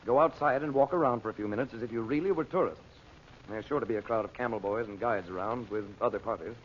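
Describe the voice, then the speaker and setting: An actor playing a commanding, protective American magician in an old-time radio adventure serial, speaking briskly with authority. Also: male voice, lowish voice, close to an everyday voice. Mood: firm, urgent. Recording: dull, noisy old radio recording.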